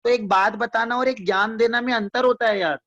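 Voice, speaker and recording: A man's voice: very high-pitched, steady tone, fairly quick, bright, forceful tone. Man teaching, repeating and quizzing. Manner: explains by repetition, quizzes listeners with frequent check-in questions; addresses listeners fondly as students. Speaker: economics teacher. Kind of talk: classroom-style lecture. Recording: dull lo-fi dry recording.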